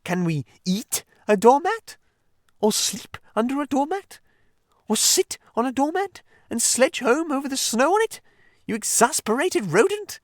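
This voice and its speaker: A man's voice: on the high side, wildly swooping pitch, measured pace, long pauses, dry recording, clean studio sound, voice pushed up, full character voice. A man voicing a fussy, pettish male mole who is stubborn and literal-minded, speaking in a prim, indignant way.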